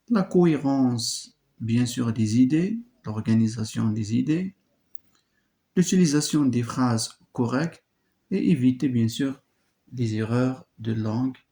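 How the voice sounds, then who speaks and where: A man teaching French, slowly explaining exam steps to his students, in an echoey room. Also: medium pitch, lively intonation, mellow. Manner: slow, addresses students directly. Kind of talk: exam correction lesson.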